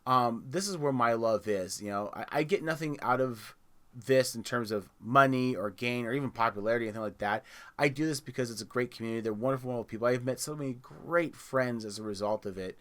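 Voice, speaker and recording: A man's voice: medium pitch, fast, fairly bright tone. A man hosting a gaming community podcast, chatting casually, rambling and restarting his words as he plugs the show. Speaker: podcast host.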